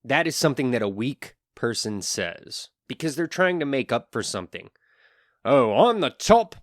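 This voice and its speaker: A man's voice: mid-range voice, lively intonation, normal speed, fairly bright tone, no echo, studio quality. A man hosting his own podcast, giving an earnest solo monologue with wry asides. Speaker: podcast host.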